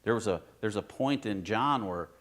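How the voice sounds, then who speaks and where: Addressing his congregation as if in conversation, a male pastor preaches a sermon in his own church at a moderate pace with lively intonation. He pushes some phrases out loud and high, then sinks into near-quiet asides.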